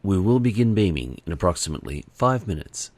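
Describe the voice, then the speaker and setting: A man voicing a calm, reserved male Vulcan commander who speaks in a measured, formal way in an audiobook. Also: sits low, dry recording. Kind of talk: audiobook character voice.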